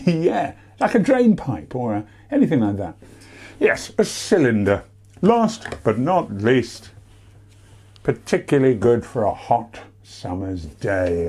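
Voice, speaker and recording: Cheerful British male presenter for a children's lesson, husky and mellow, with big theatrical swings. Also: fairly low pitch. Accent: British English. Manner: animated, theatrical, sing-song emphasis. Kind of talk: playful lesson for young children.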